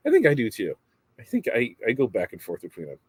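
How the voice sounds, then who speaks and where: A man's voice: medium pitch, huge pitch swings, fast, breathy edge, no room sound. A man hosting a morning livestream, chatting casually and reading out viewer comments, greeting people by name in a rambling way. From United States. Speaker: livestream host.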